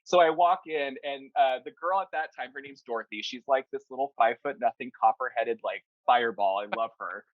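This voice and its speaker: A man's voice: mid-range voice, a little fast, hardly any pauses, no room sound, narrow, tinny audio. A young man, a hair stylist, telling a story casually in an interview, rambling with lots of fillers like "like" and "you know". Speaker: hair stylist, salon owner.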